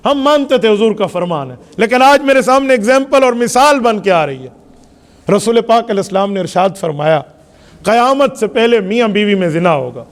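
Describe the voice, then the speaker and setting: Male Pakistani cleric, high voice, rhetorical sermon delivery, reverberant mosque hall. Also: expressive. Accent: Pakistani Urdu. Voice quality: emphatic, rhetorical questions to the congregation. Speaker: mufti preaching Friday sermon.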